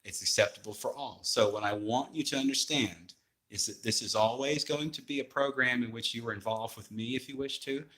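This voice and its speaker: A man speaking as a personal trainer in a rambling, informal explanatory style, halting often and checking in with "okay?". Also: mid-range voice, fairly bright tone. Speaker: personal trainer pitching a weight-loss walking program.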